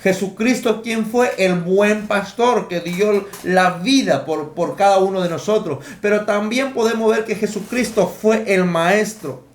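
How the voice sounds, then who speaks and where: High-voiced male preacher in an echoey room. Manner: emphatic, counts points aloud. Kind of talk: sermon teaching.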